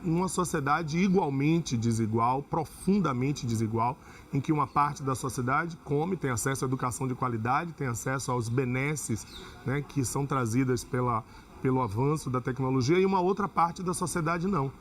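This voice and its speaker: A man in an interview speaking reflectively, often repeating himself and pausing on fillers. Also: medium pitch, a little hiss or hum. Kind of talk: interview commentary.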